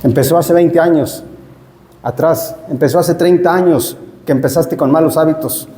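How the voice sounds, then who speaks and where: A man's voice: a little high, normal speed, mellow, echoey room, long reverb tail. A male pastor preaching a sermon, emphatic and repetitive, who keeps addressing the congregation as brothers. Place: church hall.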